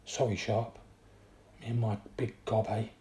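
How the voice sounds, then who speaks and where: A man voicing a cheeky, excitable young male soldier who talks in loud, jokey banter. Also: on the low side, unhurried, lightly acted. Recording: roomy echo.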